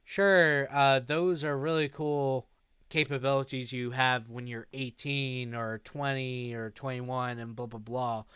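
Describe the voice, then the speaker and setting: A young man chatting casually on a live stream, reading out chat messages and answering them. He sounds sleep deprived and talks in a slow, drowsy way. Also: medium pitch, flat delivery, a bit bright, clear, resonant tone, no echo, studio quality.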